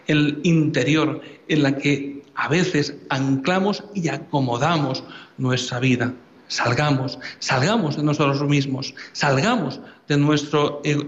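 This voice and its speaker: A priest with a slightly high male voice delivers a sermon and Mass prayers in a solemn, measured way. He is in a large church, and the recording is echoey with cathedral reverb and a dull sound.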